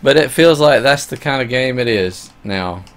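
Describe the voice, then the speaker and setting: A man's voice: medium pitch, animated, moderate pace, a bit bright. A man co-hosting a live game stream, talking through his match and poking fun at his own play. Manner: self-deprecating, talks while playing. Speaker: co-host playing a video game match. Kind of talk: casual live-stream chat.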